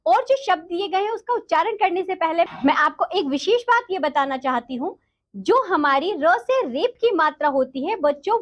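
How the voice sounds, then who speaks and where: High, lively woman teaching children. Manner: addresses children, slow syllable-by-syllable spelling. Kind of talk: children's lesson.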